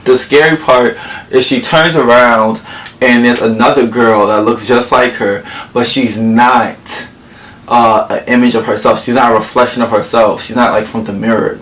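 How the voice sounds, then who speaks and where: A man's voice: medium pitch, fairly even intonation, normal speed, a bit bright, rough recording. A man chatting casually to camera, recapping a film between bites of food, rambling with lots of "like" fillers and self-corrections. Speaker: vlogger. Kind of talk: casual movie recap while eating. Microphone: camera mic, eating on camera.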